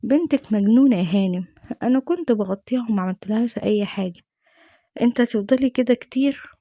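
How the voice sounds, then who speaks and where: A woman's voice: mid-range voice, fairly even intonation, fairly quick, dark tone, dry recording, clean studio sound, lightly acted. A woman voicing a cold, menacing middle-aged father with an Egyptian Arabic accent, in a dismissive tone.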